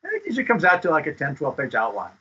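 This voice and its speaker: A man giving advice as a script consultant guest in a casual interview, speaking haltingly and often repeating words. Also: fairly high pitch, huge pitch swings, bright, forceful tone, slight background noise. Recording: dull lo-fi audio.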